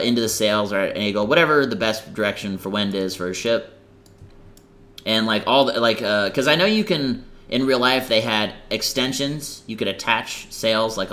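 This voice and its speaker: A man's voice: on the low side, bright, forceful tone. A young man giving casual, rambling commentary over a game he is playing, full of fillers and self-corrections. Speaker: gaming channel host.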